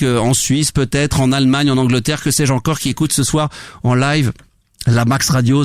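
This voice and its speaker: A man's voice: on the high side, dry recording. A man hosting a free-form radio show from a studio, talking in a rambling, hesitant, chatty way with casual swearing. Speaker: radio host.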